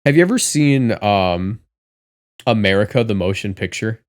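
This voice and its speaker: A young man co-hosting a podcast, rambling through casual chat with lots of filler words and deadpan jokes. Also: fairly low pitch, normal speed. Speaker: podcast co-host.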